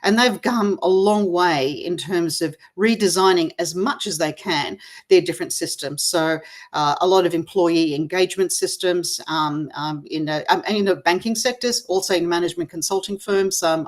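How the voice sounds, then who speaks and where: Australian woman, middle-aged, lower voice, thoughtful, lots of ums, interview guest. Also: moderate pace. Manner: reflective, with many fillers and restarts. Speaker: interview guest, gamification expert. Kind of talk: conversational interview over video call.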